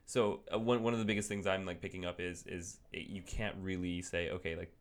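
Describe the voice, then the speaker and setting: A man's voice: sits low, fairly even intonation, brisk. A man hosting a casual interview podcast, thinking aloud, restarting his sentences and adding "right?". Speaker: podcast host.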